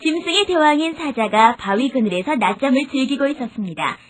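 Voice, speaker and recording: A woman narrating children's fables in a lively, expressive storyteller manner. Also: high-pitched, fairly quick.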